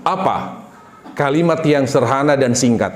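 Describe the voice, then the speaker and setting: A man from Indonesia giving a sermon, animated and asking the congregation questions. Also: medium pitch, moderate pace, echoey room. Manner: animated, asks the audience questions. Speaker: preacher.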